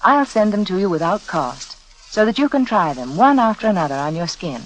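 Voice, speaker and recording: Speaking fairly quickly in a lowish, sing-song voice, a beauty adviser and sponsor spokeswoman reads a scripted beauty commercial. Her manner is intimate and persuasive, and the audio from this 1940s radio broadcast is poor.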